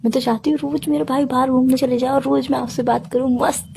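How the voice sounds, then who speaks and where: High, gravelly woman speaking in hushes. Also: level tone, quick pace, a little hiss or hum. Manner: hushed, pleading and indignant. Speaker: girlfriend in a comedy phone-call sketch. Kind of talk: comedic sketch dialogue.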